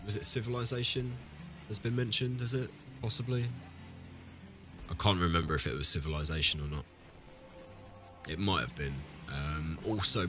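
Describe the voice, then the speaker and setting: Low-voiced man, sick, rambling. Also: bright, forceful tone. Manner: rambling, self-correcting, talks to viewers. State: ill, deeper voice than usual. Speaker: let's play host. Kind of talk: casual gameplay commentary.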